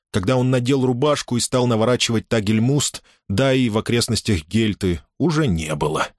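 A man reading a novel aloud as an audiobook narrator, in a steady, measured storytelling manner. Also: on the low side, no echo, studio quality.

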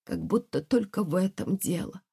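A woman's voice: on the low side, huge pitch swings, normal speed, vocal fry, warm tone, husky, voice pushed up, full character voice. A woman voicing a young wife who speaks tearfully and reproachfully. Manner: tearful, stammering.

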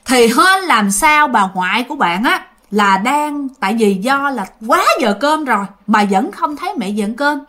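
A woman tells a ghost story, chatting straight to her listeners. Her voice sits high and rises and falls in lively swings, full of expression. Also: moderate pace. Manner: animated, addresses listeners directly. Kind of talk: casual spoken ghost story to an audience.

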